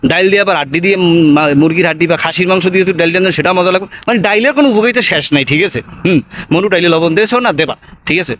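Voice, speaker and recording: A man's voice: high voice, rapid-fire, fairly bright tone, slight background noise. A young man from Barishal with a Barishal Bengali accent, chatting casually to camera in a rambling way, tacking on tag questions. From Patuakhali, Barishal, Bangladesh. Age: young adult. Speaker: vlogger.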